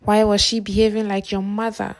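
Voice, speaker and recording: A woman's voice: medium pitch, completely flat delivery, a little fast, close to an everyday voice. A woman voicing a teasing young male friend who mocks the hero, in a storybook narration. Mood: mocking. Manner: teasing, mocking.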